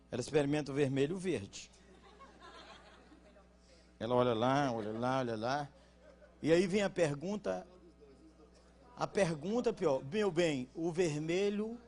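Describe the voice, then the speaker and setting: Joking Brazilian pastor with a higher voice. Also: male voice. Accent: Brazilian Portuguese. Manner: joking with the congregation, asks them to respond; swings from loud jokes to quiet earnest teaching. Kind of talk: conference sermon.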